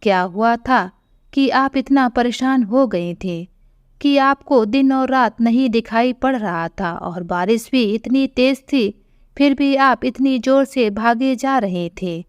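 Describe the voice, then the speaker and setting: A woman voicing a kind young woman official who gently reassures a frightened old woman in an audio story. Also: a little high, takes it slowly, smooth, no room sound, muffled recording. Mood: reassuring.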